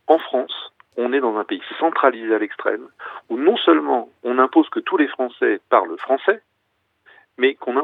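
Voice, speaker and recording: A man talking quickly and urgently down a tinny phone line, every word close and dry. He is a guest author making his case on the radio with real passion, pressing point after point without letting up. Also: medium pitch, no echo. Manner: passionate, argumentative. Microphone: telephone.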